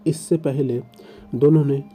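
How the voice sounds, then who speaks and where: Deep, mellow male story narrator. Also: steady tone, faint music behind. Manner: emotive, emphatic, with pauses.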